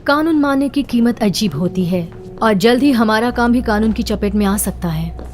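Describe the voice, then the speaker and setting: A woman's voice: fairly high pitch, expressive, normal speed, darkish tone, lightly acted. A woman voicing a composed, authoritative female park director in a cartoon dub, with music behind her. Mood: calm, explaining.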